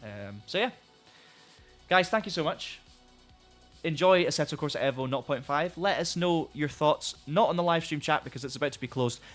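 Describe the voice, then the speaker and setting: A man's voice: on the high side, a bit bright. A man chatting casually on a live stream, rambling and restarting sentences as he reads out viewer comments, saying he is losing his voice. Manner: rambling, friendly, many restarts.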